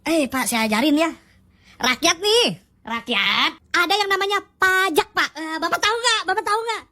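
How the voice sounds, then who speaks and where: A young woman giving a fast, sarcastic, mocking rant that scolds an official. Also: extremely high pitch, lively intonation, bright, forceful tone. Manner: mocking, scolding, jokey insults. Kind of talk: sarcastic video commentary rant.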